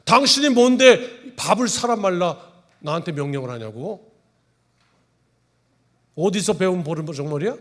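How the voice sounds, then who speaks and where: A man voicing an indignant older male senior pastor who scolds loudly and sharply. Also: high voice, animated, moderate pace, long pauses, pitched above the performer's own voice. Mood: angry scolding.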